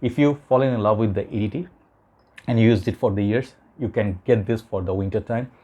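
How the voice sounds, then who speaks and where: A man's voice: lowish voice, a little fast, dark tone. A man giving a casual, rambling vlog review, his voice weakened and ghostly as it recovers from illness. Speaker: fragrance reviewer.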